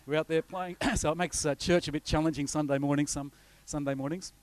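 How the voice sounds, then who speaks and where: Fairly quick and fairly even in intonation, this man's voice sits on the high side, with no echo. A middle-aged visiting pastor from the north coast of New South Wales, he gives a congregation a chatty, meandering sermon introduction over slides, with frequent fillers and restarts.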